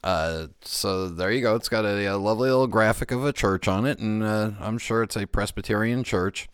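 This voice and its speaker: Clear, low-voiced American man hosting a podcast. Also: moderate pace, no echo, studio quality. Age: middle-aged. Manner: rambling, dryly joking asides. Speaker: podcast host. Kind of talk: casual radio-show talk.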